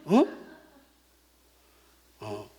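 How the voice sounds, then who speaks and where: A male pastor preaching a lively sermon at a night worship service, rousing the congregation with rhetorical questions and shouted responses. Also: extremely slow. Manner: animated, exhorting with rhetorical questions.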